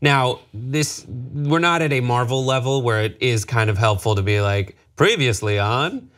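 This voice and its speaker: A man co-hosting a casual pop-culture talk show, joking and slipping into quick impressions. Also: medium pitch. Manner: animated, jokey, slips into impressions. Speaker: co-host.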